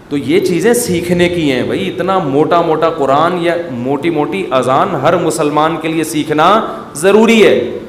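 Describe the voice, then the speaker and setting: A man preaching a sermon in an animated, conversational way, now and then mimicking a drawn-out call to prayer. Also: on the high side, a little hiss or hum. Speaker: Islamic preacher. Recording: echoey hall with faint ambience.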